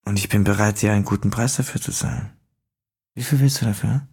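A man voicing a sinister, soft-spoken stranger who talks in a husky, coaxing half-whisper. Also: fairly low pitch, brisk. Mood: menacing hush.

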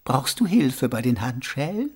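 A man voicing a calm, wry old monk sweeper who speaks slowly and soothingly, in an audiobook character voice. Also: medium pitch, slightly rough. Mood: calm, amused. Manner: slow, gently amused, soothing.

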